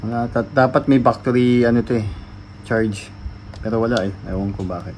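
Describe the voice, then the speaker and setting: A man's voice: medium pitch, brisk, background noise. A man chatting casually through an unboxing vlog, thinking aloud and testing his mic with repeated hellos. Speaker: vlogger. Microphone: studio mic through mixer.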